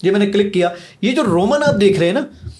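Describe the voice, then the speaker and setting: A man's voice: sits high, expressive, darkish tone. A man eagerly demonstrating his own app in a podcast conversation, counting seconds aloud. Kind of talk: podcast conversation, product demo.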